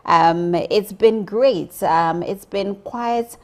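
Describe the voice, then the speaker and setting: A woman's voice: medium pitch, drawn-out words, darkish tone. A woman hosting a TV interview show, effusive and enthusiastic, with frequent ums. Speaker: TV show host. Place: TV studio.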